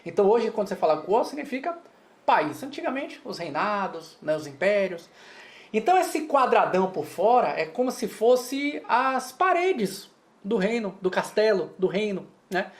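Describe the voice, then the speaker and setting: A Brazilian woman teaches a Mandarin class, chatty and explanatory. She keeps checking in with her listeners as she breaks each point down. Her voice sits at a middling pitch. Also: big pitch swings, moderate pace. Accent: Brazilian Portuguese. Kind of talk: co-taught language lesson.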